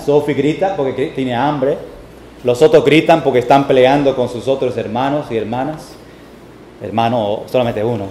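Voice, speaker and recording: A man preaching a Sunday sermon as pastor, slow and deliberate, with homely family examples and a few English words mixed in. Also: high voice, a little mellow. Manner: mixes English words into Spanish. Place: church sanctuary. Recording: echoey church room.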